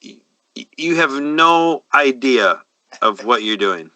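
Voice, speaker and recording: A man's voice: medium pitch, lively intonation, sharp tone, no echo, rough recording. A man, co-hosting a casual chat and confidently handing out cooking advice. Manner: confident, advice-giving, drawn-out emphasis. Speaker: podcast co-host.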